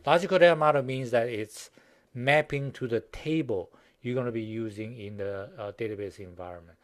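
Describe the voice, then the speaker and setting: A man teaching a recorded university lecture, speaking haltingly with many fillers and restarts and a Chinese accent. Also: medium pitch. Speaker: university professor.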